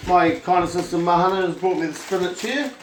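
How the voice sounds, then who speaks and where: A man's voice: sits high, fairly quick. Man, drunk, amateur cook, informal and sweary, casual recipe walkthrough, noisy recording. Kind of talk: casual cooking demonstration. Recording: clear background noise, clicks.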